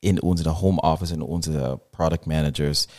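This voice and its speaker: A man's voice: a bass voice, steady tone, a little mellow. A middle-aged man with an American English accent speaks non-native German in a casual interview, hesitating and mixing in English words. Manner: halting non-native German sprinkled with English words, frequent tag questions. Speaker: podcast guest, marketing business owner.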